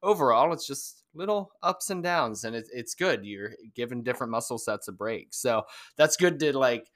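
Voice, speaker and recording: A man from Ohio hosts a running podcast in a relaxed, conversational way. His voice is middle-pitched, and he often stops and restarts his questions mid-thought. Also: moderate pace. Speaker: podcast host. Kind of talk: casual interview.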